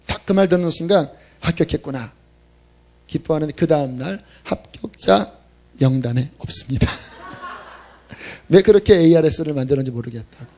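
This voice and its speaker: Guy pastor preaching, kinda high voice, chatty and emphatic like he's telling a story. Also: animated, normal speed, pauses often, a little mellow. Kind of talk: sermon. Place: church worship service.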